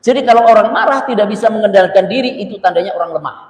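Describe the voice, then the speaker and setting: A man's voice: high-pitched, rapid-fire, roomy sound, in a large hall, poor audio. A man preaching a religious lecture in a conversational way, repeating phrases for emphasis and asking his listeners questions. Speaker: Islamic preacher.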